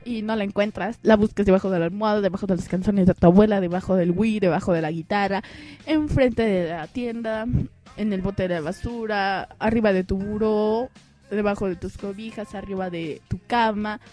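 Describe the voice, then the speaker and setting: A woman with a Mexican accent, a little hoarse, telling comic school stories in a casual vlog and acting out other people in squeaky voices. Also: normal speed, faint music behind. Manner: animated, acts out others in squealing high voices. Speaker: vlogger. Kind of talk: casual comedic monologue.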